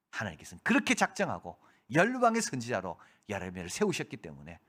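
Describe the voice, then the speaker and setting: A man's voice: lowish voice, a bit bright. A middle-aged man preaching a sermon as a pastor, acting out quoted voices and sometimes dropping to a whisper for emphasis.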